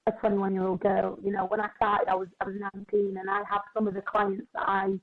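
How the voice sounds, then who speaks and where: A twenty-one-year-old woman, a personal trainer, talking in casual podcast chat, chatty and quick with lots of filler words. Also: mid-range voice, monotone. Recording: tinny phone-like sound.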